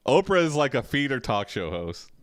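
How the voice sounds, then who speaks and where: A man hosting an AI text adventure, commenting casually in an amused, drawn-out way with frequent laughs. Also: medium pitch, very animated, no echo, studio quality. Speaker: host playing an AI text adventure.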